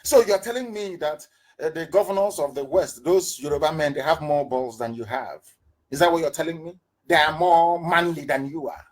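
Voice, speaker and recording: A man's voice: fairly high pitch, normal speed. A middle-aged man giving an impassioned political address, firing off rhetorical questions and repeating words for emphasis. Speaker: political broadcaster.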